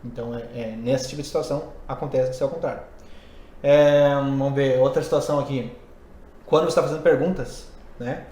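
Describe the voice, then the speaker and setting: A man's voice: mid-range voice, fairly even intonation, fairly quick, dark tone. Man, podcast host, teacher, casual explanations, frequent question tags, echoey room. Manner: conversational, thinks aloud with frequent "né?" tags. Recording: roomy echo.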